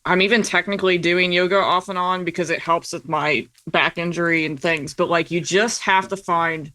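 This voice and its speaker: Telling stories as a guest on a podcast, this indie producer keeps things informal, scattering "like" and "you know" throughout. Her voice sits on the low side, steady in tone and pushed and bright, and she speaks at normal speed.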